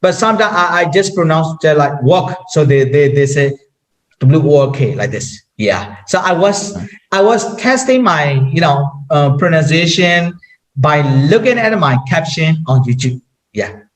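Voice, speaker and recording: High-voiced man with a Burmese accent. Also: very animated, unhurried, poor audio. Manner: hesitant, repeats words, many "you know" fillers. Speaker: guest sharing language-learning tips. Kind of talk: casual conversation.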